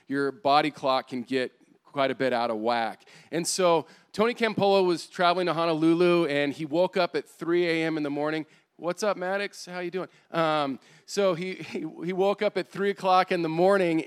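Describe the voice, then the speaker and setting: A man preaching a sermon, telling a story in an animated way with many fillers. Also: a little high, smooth. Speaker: pastor. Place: church service.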